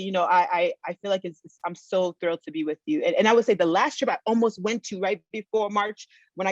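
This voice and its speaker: Over a video call from home, an American woman delivers a conference keynote in an earnest way, full of fillers and restarts. Her voice is lowish, and the lo-fi call audio sounds dull and dry, with no room sound.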